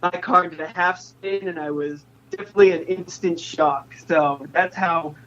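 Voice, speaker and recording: A young man in his 20s from New England, a pop singer guesting on an interview, chats playfully in a high voice with a steady tone and moderate pace. The casual conversation comes through a muffled, noisy phone connection with a crowd audible behind him.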